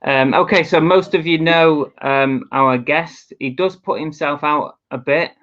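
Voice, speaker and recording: A man's voice: a little high, a little slow, fairly bright tone. A man from England co-hosting a casual live stream, chatty and teasing with many ums. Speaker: co-host. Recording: dull lo-fi stream audio.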